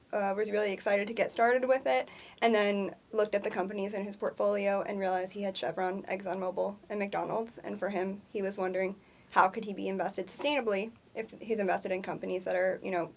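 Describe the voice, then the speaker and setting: A woman with a mid-range voice talks through her answers in an upbeat, explanatory way. She fills her pauses with frequent ums as an interview guest. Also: medium pitch, steady tone. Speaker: co-founder guest. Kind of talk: conversational interview.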